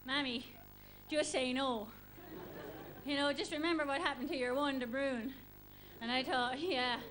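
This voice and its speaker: Onstage before a live audience, a female stand-up comedian and comedy show host with an Irish accent does an in-character monologue impersonating a naive, chatty female athlete who rambles with lots of verbal tags. Her voice is high-pitched and fairly bright, the mood upbeat and chatty, with faint noise in the live recording.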